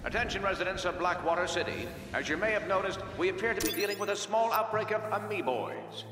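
A city announcer over a loudspeaker. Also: male voice, high voice, quick pace, noisy background. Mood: announcing. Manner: formal, drifting into dry offhand asides. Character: male city official making public announcements. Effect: public-address loudspeaker. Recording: echoey distant loudspeaker over music.

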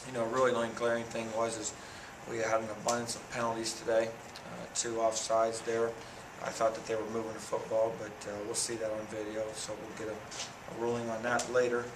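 A man in his thirties talks after a game in a low, even voice that barely rises or falls. He is a football coach at a press conference, picked up from across an echoey press room by a distant camera, with a steady hiss of noise under him. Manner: plain, measured, many fillers and restarts. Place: press room in front of a sponsor backdrop. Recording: echoey room audio from a far camera, noisy.

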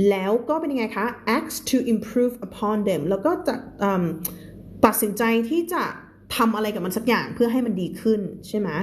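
A woman teaching English on a live stream with a Thai accent. She reads English lines slowly and explains them quickly, laughing often. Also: mid-range voice, a little mellow, a little hiss or hum. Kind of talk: live-streamed reading lesson.

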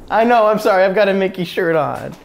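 A young man chatting casually and excitedly in a gushing, effusive manner, as he switches out of impression voices. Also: high-pitched, vocal fry, slight background noise. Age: young adult. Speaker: theme park guest who does impressions. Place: large indoor hotel rooms.

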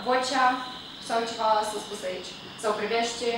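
Higher-voiced woman trainer in an echoey room. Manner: prompting, questioning the group. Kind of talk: staff training session. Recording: echoey room, distant mic, faint noise.

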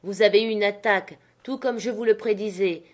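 A woman reading as a brisk country doctor. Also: medium pitch, natural voice. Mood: stern. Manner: brisk, dismissive, matter-of-fact.

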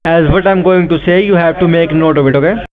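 Over a tinny phone line, a scam caller posing as an officer speaks insistently and formally, repeating his instructions. His voice is a little high and fast, with fairly even intonation.

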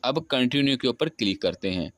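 With lively intonation and a fairly quick pace, a young man of about twenty narrates an unscripted app walkthrough step by step, repeating himself along the way. His voice sits in the mid-range, and the sound is clean studio quality with no room sound.

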